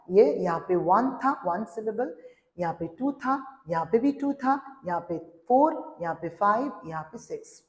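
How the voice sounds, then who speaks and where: A woman teaching an English grammar lesson, slowly sounding out words syllable by syllable and switching between languages. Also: medium pitch, darkish tone, lo-fi sound. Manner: slow, drawn-out spelling and syllable counting. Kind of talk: classroom lesson. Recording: echoey room with long reverb.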